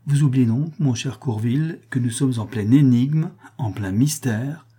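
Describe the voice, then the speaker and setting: A man's voice: mid-range voice, a little slow, warm tone, husky. A man voicing a shrewd, coolly logical male detective in an audiobook, reasoning aloud in a lofty, didactic way. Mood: lecturing. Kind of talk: audiobook reading of a detective novel.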